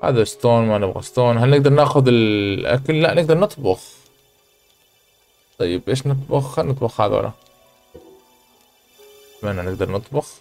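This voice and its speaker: Guy playing a game and talking through it, gets loud and excited, normal middle voice, a bit of music behind. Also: medium pitch, a little fast, creaky, pauses often. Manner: chatty, excitable exclamations. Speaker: gaming channel host. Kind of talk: let's play commentary.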